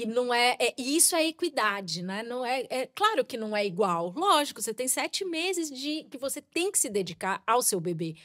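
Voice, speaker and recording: A woman's voice: mid-range voice, a bit bright, no room sound. Woman podcast host, encouraging and thoughtful, dry studio sound. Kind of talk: casual interview chat.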